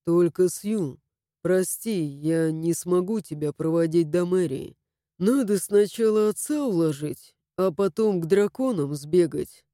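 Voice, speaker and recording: A woman voicing a calm, earnest young man who is a loyal friend, in an audiobook reading. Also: medium pitch, measured pace, no echo, clean studio sound, close to an everyday voice. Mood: apologetic. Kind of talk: audiobook character voice.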